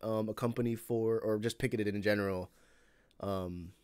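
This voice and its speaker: Young man, Chicago accent, low voice, dry close sound, rambling casual stream talk. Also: fairly even intonation, normal speed, darkish tone, clear, resonant tone, no room sound. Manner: rambling, many fillers and restarts. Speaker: streamer host. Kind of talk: casual live-stream chat.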